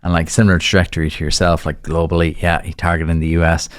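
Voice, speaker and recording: A man with an Irish accent hosting a podcast interview, chatty and lively, acting out the voices of the people he quotes. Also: sits low, fast talker, clear, resonant tone, no room sound, clean studio sound. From Ireland. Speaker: podcast host. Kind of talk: casual interview talk.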